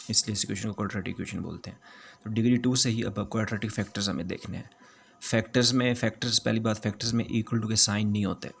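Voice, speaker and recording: A man's voice: lowish voice, gravelly, slight background noise. A man teaching a math lesson, explaining each step patiently and repeating key points.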